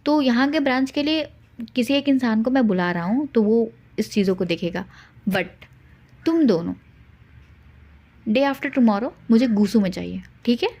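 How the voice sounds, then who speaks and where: A woman voicing a proud young male business heir who gives firm, brisk orders in a storytelling retelling. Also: on the high side, animated, darkish tone.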